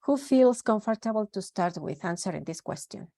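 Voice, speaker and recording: Woman interpreter, mellow and dry, video call, measured delivery. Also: medium pitch, creaky, dry recording. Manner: steady, measured phrasing with brief self-corrections. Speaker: simultaneous interpreter. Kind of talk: live interpretation into English in a webinar.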